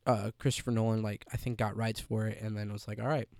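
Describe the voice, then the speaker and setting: A man's voice: fairly low pitch, fast talker, no room sound. A young man co-hosting a casual podcast, talking animatedly with lots of "like" and casual swearing. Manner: animated, filler-heavy with many "like"s, swears casually. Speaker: podcast co-host. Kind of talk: casual chat.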